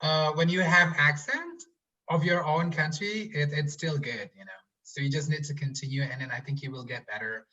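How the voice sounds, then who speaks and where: Earnest young man, bright tense voice. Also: fairly high pitch, normal speed, dull audio. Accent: American-influenced English. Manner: earnest, reflective, fillers "you know" often. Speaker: guest, PhD student. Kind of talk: casual interview chat.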